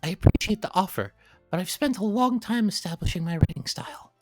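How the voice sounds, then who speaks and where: A man voicing a shy, bookish, elegant teenage girl in a visual novel reading, speaking softly in measured, formal phrases. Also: high-pitched, lively intonation, no echo, soft background music, voice pushed up. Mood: reserved.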